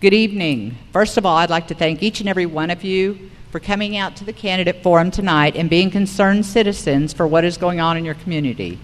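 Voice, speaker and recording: A woman with a lowish voice reads prepared material aloud to the room while moderating a public forum, speaking fairly quickly. The recording has the reverberation of a hall.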